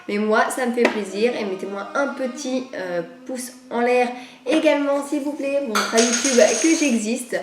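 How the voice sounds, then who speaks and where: Casting note: woman vlogger, a bit higher voice, slightly nasal, chatty and hesitant, in an echoey room. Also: darkish tone, slight background noise. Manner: rambling, hesitant, many fillers. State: recovering from a cold. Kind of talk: casual chat.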